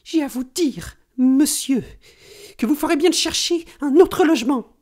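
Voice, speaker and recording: A man voicing a small, angry old landlady who speaks in a shrill, trembling voice, as part of an audiobook reading. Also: lively intonation, measured pace, a little mellow. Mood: furious.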